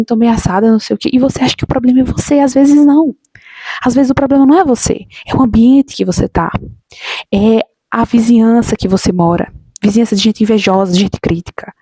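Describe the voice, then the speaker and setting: Woman hosting a motivational vlog, fairly high, breathy, repeats her points and speaks straight to viewers. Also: dark tone, dry recording. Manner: emphatic, repetitive, addresses viewers directly as "gente". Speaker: motivational video host. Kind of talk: casual motivational talk to camera.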